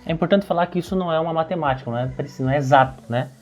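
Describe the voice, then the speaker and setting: A man's voice: on the high side, rapid-fire, dull audio, soft background music. A Brazilian man with a Brazilian Portuguese accent, teaching lettering and explaining while he demonstrates, often checking in with the listener.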